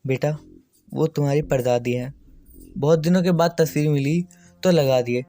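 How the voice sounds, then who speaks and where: A man's voice: on the high side, moderate pace, mellow, close to an everyday voice. Fond, cheerful mom , as a male narrator puts her on, slightly raised voice. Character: affectionate, cheerful mother.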